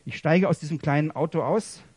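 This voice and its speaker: A man preaching a personal testimony sermon, dramatic and emotional, swinging between hushed confession and loud pleading. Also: on the high side, a little fast, slightly rough, no room sound.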